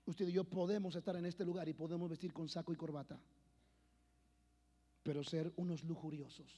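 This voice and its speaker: A high-pitched man preaches from the pulpit, rising into loud declarations and then dropping into hushed personal storytelling. His voice rings out with a long reverb through a church hall. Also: fairly even intonation, fairly quick. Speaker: pastor. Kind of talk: sermon.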